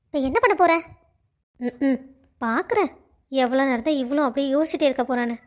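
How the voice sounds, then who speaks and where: A woman voicing a spiteful, bossy young schemer in a cartoon, sneering and plotting in hushed tones. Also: high voice, a little fast, close to an everyday voice. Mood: scheming. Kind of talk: cartoon voice acting.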